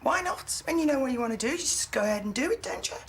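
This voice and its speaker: A woman's voice: high voice, animated, noisy background. An actress playing a blunt, decisive woman in a TV soap who has lost her memory. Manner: blunt, quick to decide. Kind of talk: TV soap acting.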